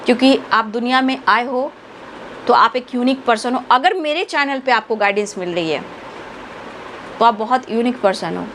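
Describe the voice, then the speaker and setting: A woman speaks as a tarot reader, voice sitting a little high. She talks earnestly, affectionately and a bit preachily, lecturing her listeners. A faint background noise stays under her voice. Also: moderate pace, fairly bright tone. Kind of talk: spiritual guidance talk.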